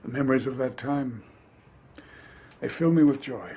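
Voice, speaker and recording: An actor playing a gentle middle-aged father who talks in a soft, sentimental way. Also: mid-range voice, normal speed, a little hiss or hum, lightly acted. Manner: softly nostalgic, tender.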